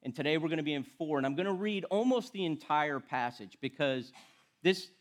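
A middle-aged man preaches in a casual, self-deprecating way, chatting with his church and stumbling over restarts. He mixes everyday stories into the sermon, and he sounds relaxed and conversational. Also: on the high side, fairly quick. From Florida. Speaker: lay preacher and firefighter. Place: church sanctuary.

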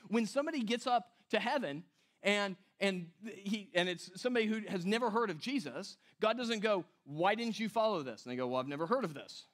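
A man's voice: high voice, a bit bright. A middle-aged man preaching a conversational teaching sermon, with a slight whistle on his s sounds, breaking off and putting questions to his listeners. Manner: self-interrupting, rhetorical questions, talks directly to listeners. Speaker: pastor preaching to a congregation.

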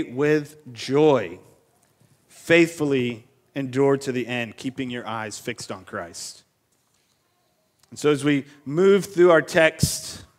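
A man's voice: on the high side, fairly bright tone, in a large hall. A man preaching an expository sermon at a pulpit microphone in a church, speaking earnestly and asking the congregation many rhetorical questions.

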